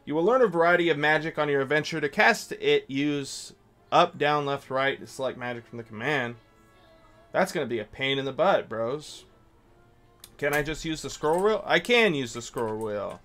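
A man's voice: a little high, expressive, moderate pace, fairly bright tone. A man giving casual gameplay commentary as a streamer, muttering slangy reactions. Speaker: game streamer. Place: small indoor room at a desk. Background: game music, keyboard clicks and typing.

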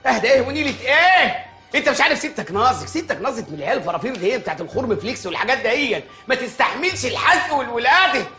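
A shrill, frantic Egyptian village mayor. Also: male voice, animated, sharp tone, reverberant, soft background music, heavily acted. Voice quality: shrill, rapid-fire comic whining. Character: blustering village mayor, excitable middle-aged man. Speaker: comic lead actor. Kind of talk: TV comedy sketch acting.

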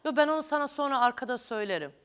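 Hosting a daytime talk show in a television studio, a woman speaks very fast in a high-pitched, expressive voice. She probes her guests with questions and walks them through events step by step.

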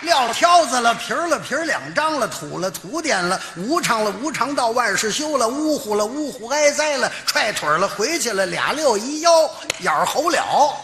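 A man performs crosstalk on stage, his voice high and bright. He rattles off long slangy lists and breaks into mock wailing. The sound rings in a reverberant hall. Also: very animated. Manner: rapid-fire lists of slang, theatrical wailing. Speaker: crosstalk comedian, lead.

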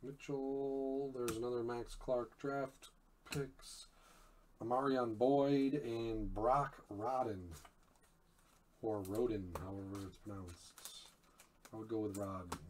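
A man hosting a live card break, calling out each card in a low-key way and bursting into loud shouts on big pulls. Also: steady tone, slow pace, a little hiss or hum.

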